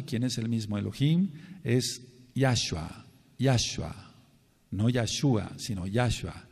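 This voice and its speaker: A man's voice: medium pitch, darkish tone, in a large hall. A man with a Mexican Spanish accent giving an earnest sermon-style Bible lesson, repeating and spelling out words to stress them. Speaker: congregation leader teaching.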